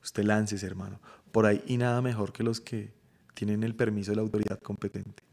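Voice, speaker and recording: Colombian man, low voice, laid-back slangy comedian guest. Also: level tone, a little fast, gravelly, a little mellow. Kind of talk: casual podcast chat.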